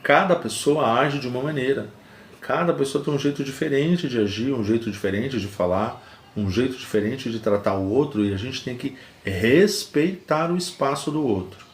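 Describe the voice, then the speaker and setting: A man hosting a live stream, explaining ideas calmly with everyday examples and repeating key points. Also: mid-range voice, moderate pace. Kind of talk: teaching talk to a live audience. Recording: roomy echo.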